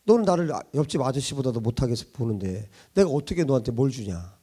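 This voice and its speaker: A man voicing God as a patient heavenly father, speaking in a calm, measured, gently reproachful way. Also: medium pitch, breathy edge, voice pushed down.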